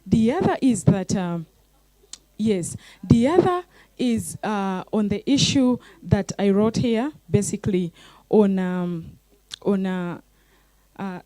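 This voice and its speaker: Woman, forum participant, deep mellow timbre, dry sound, insistent questioning. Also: no room sound. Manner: pressing, rhetorical questioning with restarts. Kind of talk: questions at a panel discussion.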